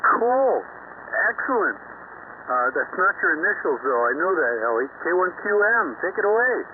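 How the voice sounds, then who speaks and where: A man's voice: fairly high pitch, sing-song, normal speed. A man running an amateur radio net as net control, chatting easily with plenty of fillers, heard through a ham radio transmission with static. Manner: easygoing, rambling, many fillers. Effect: heard over a ham radio transmission with static. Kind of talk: casual on-air radio chat. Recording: tinny ham radio audio with faint static.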